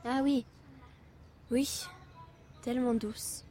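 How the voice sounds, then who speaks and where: A woman playing a high-voiced, tearful, sulking lover. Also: fairly even intonation, warm tone, a little hiss or hum. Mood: evasive. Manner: evasive, halting, reproachful. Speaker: voice actress. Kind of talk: amateur audio drama acting.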